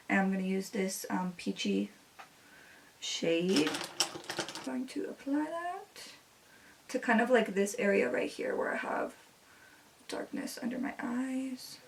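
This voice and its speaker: A beauty vlogger in her twenties, a native Spanish speaker, chats casually while doing her makeup, dropping "like" constantly. Her medium-pitched voice is fairly bright with vocal fry, picked up by a distant mic.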